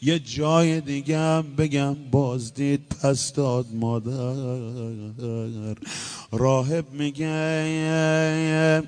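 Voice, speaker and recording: A man's voice: medium pitch, fairly even intonation, darkish tone, clean tone, soft background music. A man delivering a chanted mourning eulogy, moving between emotional storytelling and sung lament. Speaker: religious eulogist.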